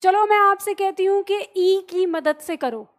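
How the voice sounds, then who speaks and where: High-pitched woman teaching grammar. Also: unhurried. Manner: asks questions, then answers them herself; checks in often with "ठीक है" and "सही है?". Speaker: Hindi teacher. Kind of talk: explanatory online grammar lesson.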